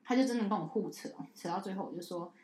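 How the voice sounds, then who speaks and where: A woman's voice: mid-range voice, quick pace, reverberant, a crowd in the background. A woman co-hosting a casual podcast chat, telling a story and acting out the voices in it, with a Taiwanese Mandarin accent. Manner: animated storyteller who acts out a child and herself. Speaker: podcast co-host.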